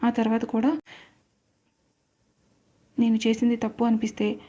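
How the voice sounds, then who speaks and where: A cocky young man full of attitude, as a woman storyteller voices him in a storybook tale. He threatens in a level, mellow voice pitched on the high side, with little rise and fall. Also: monotone, a little slow. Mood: threatening. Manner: menacing, mocking.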